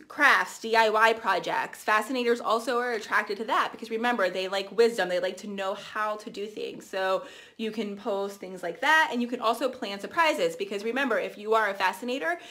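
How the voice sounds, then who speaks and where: A woman in her thirties talks straight to camera, coaching her team in a loose, chatty way. Her voice sits a little on the high side, and she keeps going with fillers and quick restarts as her energy carries her along. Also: fairly bright tone. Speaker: team trainer. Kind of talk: casual training talk to camera.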